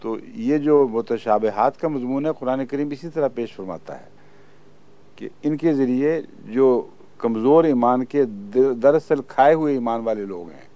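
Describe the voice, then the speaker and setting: A man's voice: medium pitch, animated, warm tone. Man explaining scripture in a lecture. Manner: explanatory, recites Arabic verses then translates. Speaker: Quran commentator. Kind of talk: religious lecture on Quran exegesis.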